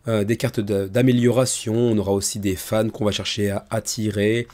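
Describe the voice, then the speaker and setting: Soft-spoken man, mellow and chatty. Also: on the low side, flat delivery, normal speed. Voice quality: tired voice, held back to spare it. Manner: informal, chatty, self-deprecating. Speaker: host of a board game crowdfunding video show. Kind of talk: casual presenter talk, kept low and soft. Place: small room indoors. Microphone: microphone about ten centimetres from the mouth.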